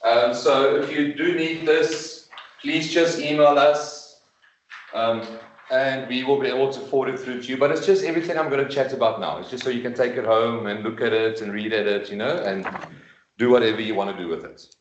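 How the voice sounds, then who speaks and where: Man, medium pitch, informal explanatory presentation, conversational, roomy echo, video call meeting. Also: brisk, slight background noise. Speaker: presenter at a school information evening. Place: room with in-person attendees, streamed on a video call. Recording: echoey room, video call recording.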